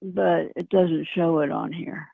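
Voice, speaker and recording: Creaky older woman on a narrow phone line. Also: low voice, steady tone, no echo. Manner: hesitant, halting. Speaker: scam victim receiving help. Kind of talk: casual phone conversation.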